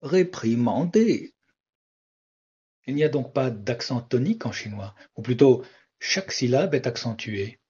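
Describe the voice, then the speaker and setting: A man, a language teacher, narrating a scripted explanation in a measured, wry way. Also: medium pitch, a little mellow, husky. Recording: dull lo-fi recording.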